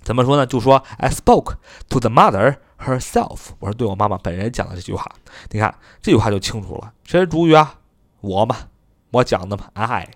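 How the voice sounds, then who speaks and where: A man's voice: fairly low pitch, expressive, no room sound, studio quality. A man teaching English grammar in Chinese, asking rhetorical questions, answering them himself and spelling out words letter by letter. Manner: slow, careful English example sentences.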